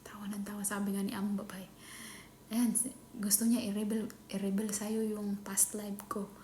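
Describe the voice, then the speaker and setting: A Filipino woman chatting casually in a vlog, often dropping into a hushed whisper. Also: medium pitch, flat delivery, normal speed. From Philippines. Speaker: nanny vlogger. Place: employer's home. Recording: echoey room with faint ambient noise.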